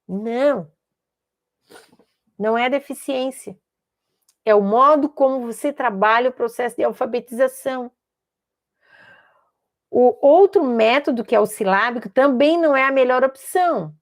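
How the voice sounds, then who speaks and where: A woman teaching a lesson on literacy for children, emphatic, repeating words and slowly sounding out letters and syllables. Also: sits high. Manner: repeats words for emphasis, asks rhetorical questions. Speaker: special education teacher. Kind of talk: explanatory online lesson.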